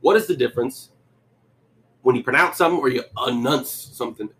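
A man's voice: medium pitch, a little fast, fairly bright tone. A young man co-hosting a casual movie podcast, joking and rambling with frequent restarts. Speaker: podcast co-host.

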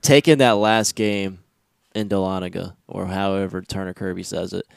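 Low-voiced young man hosting sports chat. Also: moderate pace, vocal fry, no room sound. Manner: energetic, rambling with restarts. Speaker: podcast host.

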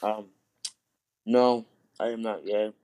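A young man in casual chat, hesitant and stammering with joking answers, heard over a low quality, glitchy online call stream. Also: steady tone, slow, warm tone. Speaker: guest answering questions.

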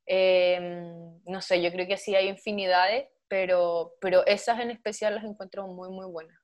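A woman speaking thoughtfully in a casual panel discussion, pausing often on fillers. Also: on the low side, steady tone. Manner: thoughtful, with frequent filler pauses.

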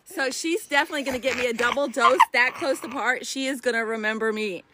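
A woman's voice: on the high side, fast talker, heavy background noise. A woman co-hosting a podcast, chatting in a bawdy, giggly, teasing way. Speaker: podcast co-host. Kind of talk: casual chat.

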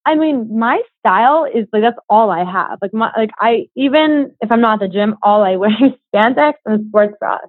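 A woman's voice: on the high side, animated, moderate pace, few pauses, dry recording, phone-quality sound. A young woman chatting casually as an interview guest, a fitness coach with a bubbly, giggly manner.

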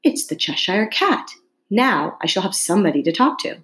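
A woman's voice: mid-range voice, sing-song, normal speed, a bit bright. A woman voicing a polite, curious young girl in a storybook, with an earnest, complaining manner. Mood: relieved. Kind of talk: storybook character reading.

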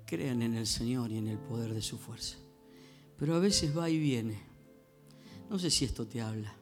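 Man, pastor, sermon, high voice, storytelling, soft guitar behind. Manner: animated storytelling, questions to the congregation. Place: church sanctuary.

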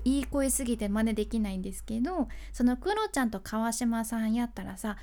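Woman w/ kyushu accent, chatty host, slightly high voice, laughs a lot. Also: darkish tone. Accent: Kyushu dialect (Hakata-ben). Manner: chatty, laughs often, mixes polite and dialect speech. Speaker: freelance announcer, podcast host. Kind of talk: casual solo talk on speaking tips.

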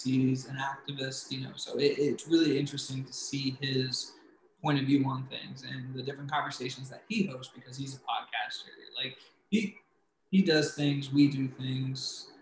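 A man co-hosting a podcast in a casual, playful and rambling way. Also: medium pitch. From Philadelphia area. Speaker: podcast co-host. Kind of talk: casual chat. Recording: roomy echo with faint background hiss.

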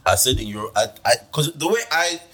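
A man's voice: mid-range voice, expressive, fast talker, a bit bright. A man co-hosting a casual podcast, telling a story with laughing asides. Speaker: podcast co-host. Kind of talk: casual chat.

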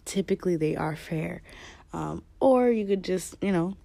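A woman hosting a podcast in casual, rambling, candid talk, with a deep chesty voice that is a bit scratchy from a cold. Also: moderate pace, gravelly, warm tone, no echo. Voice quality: slightly scratchy. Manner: candid, informal, swearing freely. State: fighting a cold. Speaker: podcast host.

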